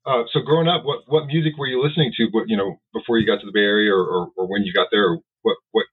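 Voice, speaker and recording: A man hosting a podcast interview, relaxed and encouraging toward his guest. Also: lowish voice, racing, a little hiss or hum. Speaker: podcast host. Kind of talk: casual interview. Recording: husky voice over a tinny phone-like line.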